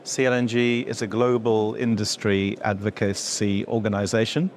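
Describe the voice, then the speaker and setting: Middle-aged man, low and even, hesitant interviewee with lots of ums, faint background hum. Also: moderate pace. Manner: hesitant, many fillers and restarts, gesturing while explaining. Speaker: industry association executive. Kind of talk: explanatory interview answers. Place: indoor event room before a logo backdrop.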